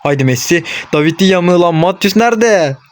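Excitable young man commentating his own game. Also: high voice, fairly quick, a little hiss or hum. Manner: excitable, talks to himself and the players on screen, swings into frustrated outbursts. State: frustrated and worked up. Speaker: gaming channel host. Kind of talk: live gameplay commentary.

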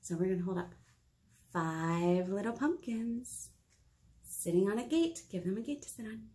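In a small indoor meeting room, an American woman in her thirties runs a children's storytime, reading aloud and chatting with the young listeners in an encouraging, expressive way. Her voice is medium-pitched and her speed is normal.

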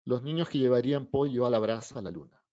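A man's voice: medium pitch, fast talker, no echo, lo-fi sound. A middle-aged children's author giving an anecdotal talk, acting out the dialogue in his stories. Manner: animated storyteller acting out dialogue.

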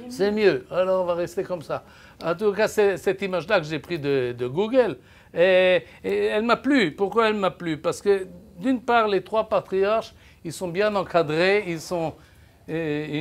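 An older man, French by first language, delivers a Bible lecture to a live audience in a room with a projector screen. No microphone is used, only a far-off camera, and he raises his voice while stumbling through restarts and repeated words. His pitch is fairly high.

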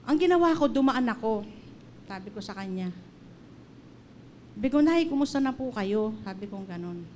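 A middle-aged woman preaching in an earnest, storytelling way, her voice sitting a little high. Faint background noise hums under her words. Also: lively intonation, moderate pace, darkish tone. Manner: earnest, storytelling, mixing in English phrases. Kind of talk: sermon with personal testimony.

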